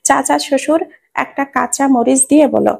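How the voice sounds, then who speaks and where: A woman's voice: sits high, steady tone, normal speed, vocal fry, a little mellow. A woman narrating a story in a scripted audiobook reading, voicing each character close to her own voice. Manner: reads every character in near her own voice.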